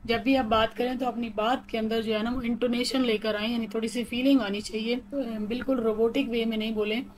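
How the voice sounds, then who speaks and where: A woman teaching English phrases in Hindi-Urdu. She reads each phrase slowly, repeats it, and says she is reading a bit robotically. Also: fairly high pitch, steady tone, poor audio. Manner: calls her own reading a bit robotic.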